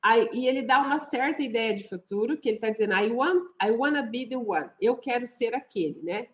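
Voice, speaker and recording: Woman teacher, fairly high voice, patient explainer who slows down to model words, dull lo-fi online-class sound. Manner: explains patiently, repeats words slowly for pronunciation. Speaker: English teacher.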